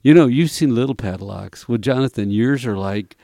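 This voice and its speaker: A man's voice: mid-range voice, moderate pace, vocal fry, dark tone, dry recording, studio quality. A man co-hosting a faith-based talk, steering the conversation and affirming his partner. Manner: affirming, encouraging. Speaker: podcast co-host.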